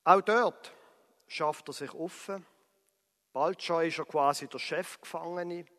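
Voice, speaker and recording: High-voiced Swiss German preacher. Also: male voice, unhurried. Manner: lively storytelling, dramatic emphasis. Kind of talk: sermon retelling a Bible story. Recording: reverberant hall.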